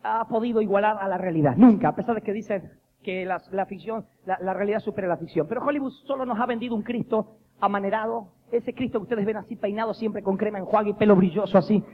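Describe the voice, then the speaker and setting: A man preaching a lively, jokey sermon, acting out the voices he quotes. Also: high voice, quick pace. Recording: dull lo-fi recording with faint noise.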